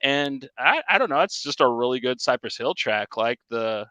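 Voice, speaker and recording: A man's voice: medium pitch, expressive, moderate pace, bright, forceful tone, no echo. A man co-hosting a casual podcast, laid-back and slangy, laughing often. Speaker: podcast co-host. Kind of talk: casual chat.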